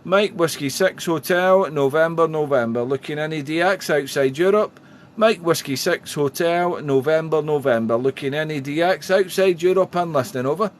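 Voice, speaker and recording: With a slightly high voice at normal speed, a man on amateur radio trades friendly chatter and announces phonetic call signs. Clear radio noise runs behind his contact calls and easygoing talk.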